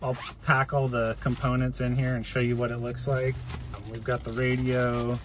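A man in his thirties, seated in the cab of a parked van, gives a casual hands-on walkthrough of his gear as a video host. His voice sits at medium pitch with a flat delivery, moving at normal speed in an informal, plain-spoken way, with noise in the background.

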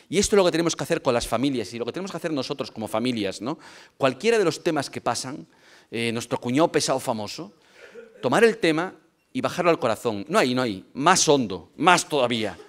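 Lively storytelling man giving a talk. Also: on the high side, quick pace. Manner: animated storyteller, asks "¿no?" often. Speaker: conference speaker.

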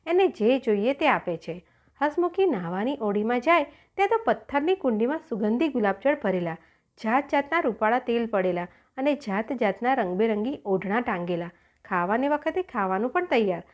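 Woman narrator for a children's audiobook: expressive, fairly high voice, very animated pitch.

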